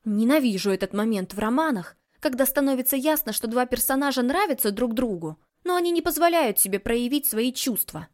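A woman reading a romance novel aloud as a first-person narrator, in a steady, intimate storytelling manner. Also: a little high, brisk, hardly any pauses. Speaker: audiobook narrator.

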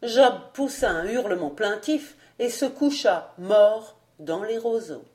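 A woman reads a classic novel aloud as an audiobook narrator. Her delivery is measured and deliberate, taken at a slow, unhurried pace. Her voice sits at an ordinary middle pitch. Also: animated, darkish tone.

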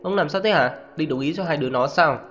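A man voicing a sharp-tongued, hostile middle-aged mother who scolds harshly. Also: brisk, lightly acted. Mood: scolding. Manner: shrill, scolding. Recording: muffled reverberant audio, faint music.

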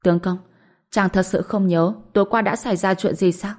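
A woman's voice: medium pitch, steady tone, fairly quick, lightly acted. A woman voicing a playful, teasing young wife in an audiobook. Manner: teasing, mischievous. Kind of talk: audiobook character voice.

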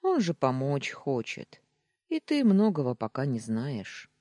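A woman voicing a confident, protective young man who talks in a low purring tone. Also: huge pitch swings, a little slow, mellow, no room sound, clean studio sound, heavily acted. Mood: soothing teasing.

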